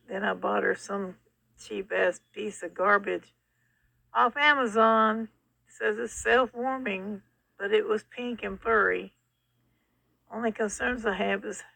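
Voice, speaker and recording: An older woman with a gravelly, hoarse voice and a sore throat, chatting casually in a rambling, folksy, blunt way. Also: mid-range voice, a bit bright, dry recording. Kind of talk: casual update about a rescued stray kitten. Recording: faint noise, muffled at times by mask.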